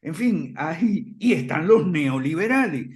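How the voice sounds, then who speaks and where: A man explaining ideas in conversation, firm and emphatic, often checking in with a quick "ok?" and soft chuckles. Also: on the high side, animated. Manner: emphatic, repeats points firmly. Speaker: guest speaker on classical liberalism.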